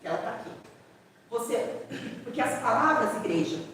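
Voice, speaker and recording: High-voiced woman preaching in an echoey hall. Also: very animated, moderate pace. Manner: storytelling, quoting her daughters in a higher voice, building to loud proclamation. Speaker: missionary preacher. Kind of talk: sermon with personal testimony. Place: church hall. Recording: echoey hall from far off, faint noise.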